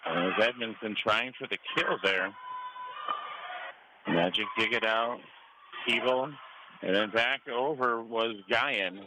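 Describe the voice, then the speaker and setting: Calling a volleyball match live on radio from courtside in a gym, a play-by-play announcer delivers clipped running calls. His voice is fairly low, and he takes it slowly with frequent pauses. Noisy gym ambience comes through clearly behind the call.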